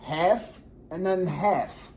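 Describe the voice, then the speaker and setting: Man co-host, slightly high voice, fast rambling profane storyteller. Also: darkish tone, a little hiss or hum. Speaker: podcast co-host. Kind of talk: casual chat.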